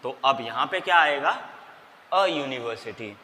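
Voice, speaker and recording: A man's voice: medium pitch, expressive, unhurried, pushed and bright. A man teaching an English grammar lesson in Hindi, asking and answering his own questions and spelling out letters. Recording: long reverb, faint background noise.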